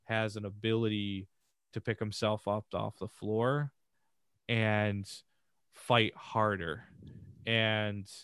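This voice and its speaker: A man's voice: on the low side, flat delivery, slow pace, pauses often, fairly bright tone, smooth, no room sound. A man talking as a podcast guest, telling stories in an earnest, rambling way. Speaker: podcast guest, family streamer. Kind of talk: casual conversational interview.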